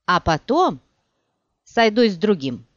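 A woman's voice: fairly low pitch, big pitch swings, unhurried, no room sound. Woman playing a scornful fiery sorceress. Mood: furious. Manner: sharp, biting, mocking. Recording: dull dry recording.

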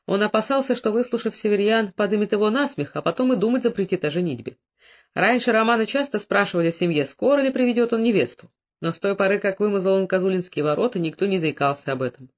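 Steady audiobook narrator on a muffled recording. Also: medium pitch, fast talker. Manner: steady storytelling. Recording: dull lo-fi recording.

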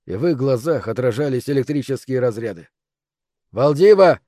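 A man reading a first-person audiobook in a measured, even voice. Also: mid-range voice, no echo, clean studio sound. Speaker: audiobook narrator. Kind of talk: scripted first-person narration.

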